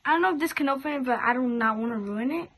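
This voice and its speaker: A woman's voice: high-pitched, racing, a bit bright. A woman chatting informally to her viewers as she hosts a casual toy unboxing vlog. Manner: informal, repeatedly addressing viewers as "guys". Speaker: host of a toy unboxing video.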